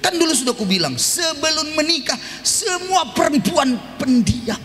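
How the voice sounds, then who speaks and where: A man preaching a sermon as pastor, passionate, moving between loud exclamations and soft, low murmurs. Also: very animated, moderate pace, long reverb tail, a little hiss or hum. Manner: impassioned preaching, swinging from shouts to soft murmurs. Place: church sanctuary.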